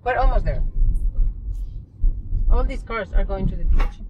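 A woman's voice: medium pitch, measured pace, dull audio, background noise. A woman chatting casually with her travel companion from the passenger side of a car. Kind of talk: casual chat.

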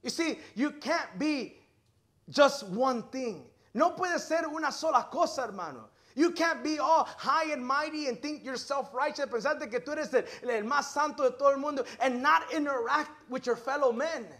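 A man preaching a bilingual sermon at a church service, switching between English and Spanish line by line and calling the listener "hermano". He talks with energy, rising loud on key words and then dropping to low asides. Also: moderate pace.

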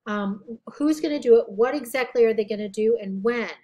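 A woman with a slightly high, scratchy voice delivers a recorded lecture. She talks in a casual, conversational way, correcting herself as she goes and asking questions she answers herself. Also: brisk, mellow. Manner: conversational, self-correcting, asks rhetorical questions. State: scratchy, tired voice. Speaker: college instructor.

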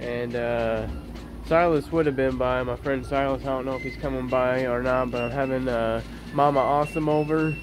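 A man's voice: mid-range voice, fairly even intonation, moderate pace. A young man in his twenties talks cheerfully to a phone held at arm's length, wandering from point to point with plenty of "uh"s. The recording has plain background noise from outside. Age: 20s. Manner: upbeat, rambling with many fillers. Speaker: vlogger. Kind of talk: casual vlog chat. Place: outdoors beside a house, and a kitchen. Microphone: handheld phone camera at arm's length. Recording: noisy outdoor phone recording.

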